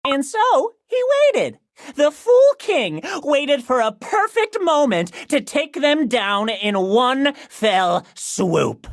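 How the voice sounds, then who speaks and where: A woman's voice: high-pitched, big pitch swings, slow, dry recording, clean studio sound, heavily acted. A woman playing a theatrical, boastful trickster jester cookie from a cartoon game, narrating in a flamboyant, singsong, mock-sincere way like a grand stage showman. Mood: mocking storytelling. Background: loud music.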